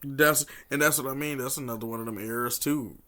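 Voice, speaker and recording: A man's voice: mid-range voice, steady tone, a little fast, sharp tone. A man co-hosting a podcast, laid-back and slangy in casual chat, laughing often. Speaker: podcast co-host.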